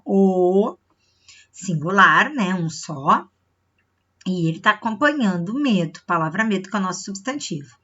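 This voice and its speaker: This Brazilian woman teacher, medium in pitch and sharp in tone, gives children a recorded review lesson, explaining step by step and frequently checking in with short questions. She stretches words to show the stressed syllable, and the highs in the recording are cut off.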